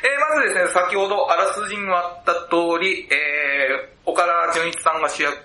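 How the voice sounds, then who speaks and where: Joking guy on a movie podcast, bright high-ish voice, echoey room. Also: fairly quick. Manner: joking, teasing, polite formal phrasing. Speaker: podcast co-host. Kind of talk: casual movie review chat.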